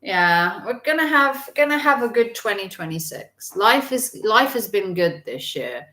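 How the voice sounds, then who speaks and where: A woman's voice: mid-range voice, sing-song, unhurried, pushed and bright, roomy sound. A woman in her forties, chatting casually on a livestream and reading viewer comments, rambling with frequent restarts. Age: 40s. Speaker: livestream host.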